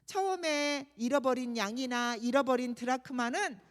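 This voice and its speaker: A woman's voice: sits high, normal speed, big-room sound. A woman teaching at a children's worship service, telling a Bible story expressively and asking the children questions. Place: church.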